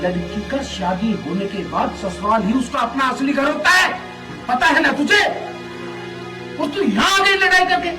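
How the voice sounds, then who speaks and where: Harsh village father, played by a man, lively pitch, roomy sound with music behind. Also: moderate pace, hardly any pauses. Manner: gruff, dismissive. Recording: echoey room with music.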